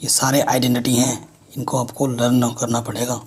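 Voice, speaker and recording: A man's voice: mid-range voice, little pitch movement, moderate pace, a little mellow, husky. A man teaching a math lesson, explaining step by step and checking in with students often.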